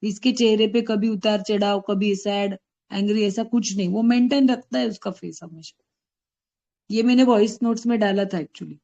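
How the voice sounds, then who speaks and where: A woman's voice: medium pitch, moderate pace, warm tone, dull audio. A woman from Maharashtra, a homeopathic doctor, presenting a patient case in an online discussion, explaining her reasoning thoughtfully and correcting herself as she goes. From Maharashtra, India.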